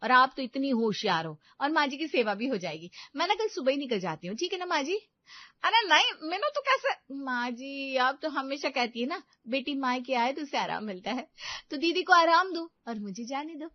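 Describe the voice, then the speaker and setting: A woman performs a sly young daughter-in-law, sweet and coaxing. The voice sits high, and the recording is dull and dry. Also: sing-song, moderate pace, no echo. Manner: sugary, coaxing.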